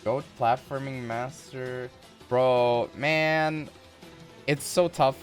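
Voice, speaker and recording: A man's voice: mid-range voice, fairly even intonation, very slow, soft background music. A man streaming live, chatting casually and playfully with viewers in a rambling way.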